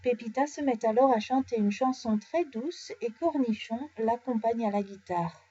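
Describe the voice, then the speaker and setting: A French-speaking woman reading bedtime stories aloud, animated and changing her voice for each character. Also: fairly high pitch, moderate pace, husky. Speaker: storyteller. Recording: dull lo-fi recording.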